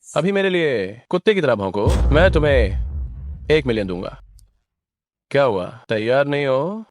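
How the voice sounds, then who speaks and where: A man's voice: medium pitch, very animated, a little slow, dry recording, studio quality. An actor dubbing a cold, scornful young man who has just come into money, speaking in a cutting way over faint music. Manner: contemptuous, cutting. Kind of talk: dubbed drama dialogue.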